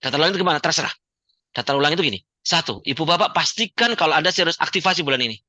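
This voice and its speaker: A man giving a joking, animated motivational talk to an audience as the founder of a community. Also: a little high, rapid-fire, dry recording. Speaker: founder and coach of a debt-free community.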